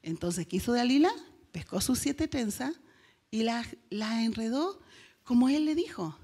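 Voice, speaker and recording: A woman pastor with a Chilean accent, her voice fairly high. She preaches with lively storytelling, raises her voice for the quoted lines and keeps putting questions to the congregation. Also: unhurried, husky. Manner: asks the congregation rhetorical questions. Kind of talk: sermon.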